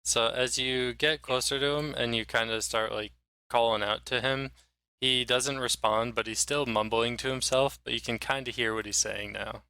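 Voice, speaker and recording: Bright, clear-voiced male game master. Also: medium pitch, moderate pace, no room sound. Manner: relaxed, descriptive, with frequent "like" fillers. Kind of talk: narrating a tabletop game.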